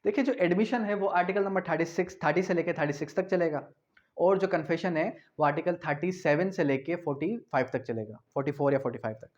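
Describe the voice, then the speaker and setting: Heard through a muffled recording, this man talks quickly in a slightly high voice while teaching law. It's an informal exam-prep session where he explains things plainly, goes over key points more than once, and mixes English terms into his Urdu.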